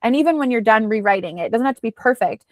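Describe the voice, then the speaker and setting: A woman's voice: a little high, lively intonation, racing, no room sound. A woman coach giving chatty, casual advice with plenty of fillers. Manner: chatty, advising, many fillers. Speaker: business coach.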